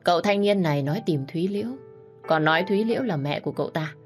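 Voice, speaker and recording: A woman's voice: fast talker, soft background music, close to an everyday voice. A woman voicing an emotional old grandmother who exclaims with joy and tears in a storybook reading. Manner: exclaiming, higher and louder.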